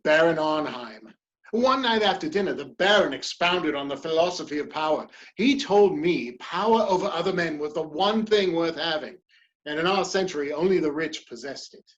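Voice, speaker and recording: In a dramatic play reading, a woman with a low voice plays a proud, ambitious male politician, delivering lines with theatrical emphasis and defiance. She sounds animated, earnest and fervent at a moderate pace, and the sound is lo-fi.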